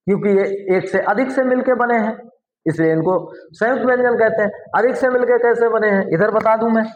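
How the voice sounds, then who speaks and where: A male teacher with a high voice walks his students through the lesson step by step, often stopping to ask them questions. The sound is a little muffled and echoes off the walls of the room. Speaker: Hindi teacher. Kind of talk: classroom lesson.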